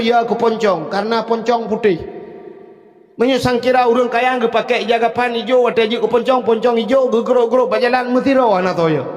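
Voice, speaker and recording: A man with an Acehnese accent giving a humorous Islamic sermon, telling jokey stories and breaking into loud shouted exhortation. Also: very high voice, in a large hall, lo-fi sound. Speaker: preacher.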